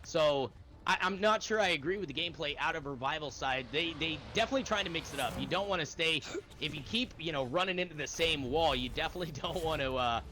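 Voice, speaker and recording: A man doing energetic play-by-play commentary on an esports match, calling the action in quick bursts. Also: fairly high pitch, slight background noise. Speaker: esports caster.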